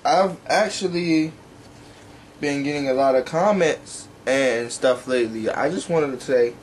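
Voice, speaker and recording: A man's voice: medium pitch, a little slow, slight background noise. A young man rambling casually in a vlog, talking while eating and swearing offhandedly. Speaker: YouTuber.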